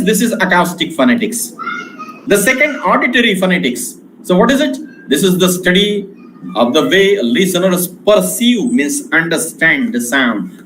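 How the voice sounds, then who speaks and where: Slow, deliberate Indian man lecturing. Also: sits high, fairly bright tone, reverberant, slight background noise, rough recording. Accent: Indian English. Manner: slow, deliberate teaching, mixing English and Marathi. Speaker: English lecturer. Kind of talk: online lecture.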